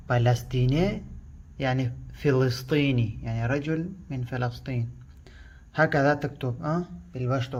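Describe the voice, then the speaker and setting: A man whose first language is Pashto, teaching a language lesson and repeating each word slowly and loudly before he explains it. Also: mid-range voice, breathy edge, highs cut off. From Afghanistan.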